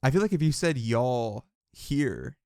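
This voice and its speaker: A man from the Midwest hosting a casual podcast. He asks questions in a relaxed, curious way and swears casually. The sound is dry and close, with nothing around it. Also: mid-range voice, unhurried, smooth, no room sound. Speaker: podcast host. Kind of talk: casual chat.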